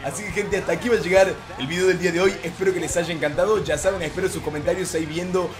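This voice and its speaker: A young man giving excitable let's-play commentary, shouting play-by-play calls. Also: sits high, very fast, music in the background. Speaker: gaming YouTuber.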